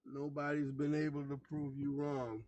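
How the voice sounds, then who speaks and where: A man's voice: on the high side, flat delivery, normal speed, dull audio, background noise. A man calling in while driving, talking in a rambling, agreeable way. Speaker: caller. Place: in a car, driving.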